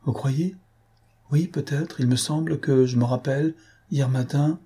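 Brief: a man doing a hysterical accused woman, high shrill protests through a husky, dark voice. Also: expressive, normal speed. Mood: faltering. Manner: shrill pleading outbursts, sobbing protests.

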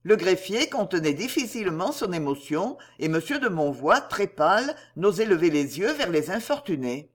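An audiobook reader narrating a novel with an expressive delivery. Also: medium pitch, normal speed, hardly any pauses. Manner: expressive, lively reading. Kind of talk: novel reading.

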